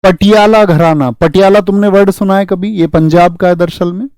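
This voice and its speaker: A young adult man teaching a general knowledge lesson for exam students, full of memory tricks and questions for the class. His voice is higher than most men's but mellow in tone. The recording is dry and close, with no room around him. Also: steady tone, moderate pace, no room sound. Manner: chatty, tells anecdotes, asks the class questions.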